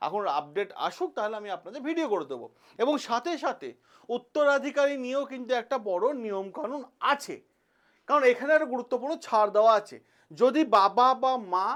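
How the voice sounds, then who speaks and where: A woman hosting a news explainer video. She explains step by step, posing questions and answering them for her viewers. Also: on the high side. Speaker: channel host.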